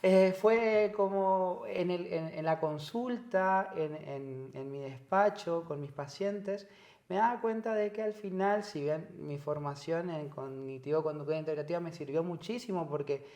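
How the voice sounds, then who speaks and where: Heard in an echoey room, this male interview guest is an Argentine-accented psychologist from the country's north. His slightly high, somewhat mellow voice is unhurried, and his reflective answers loop back on repeated words as he hunts for the right expression.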